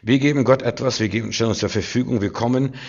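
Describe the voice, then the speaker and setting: A man preaching a sermon with passion, swinging from hushed lines to loud outbursts. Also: medium pitch, quick pace, gravelly, highs cut off.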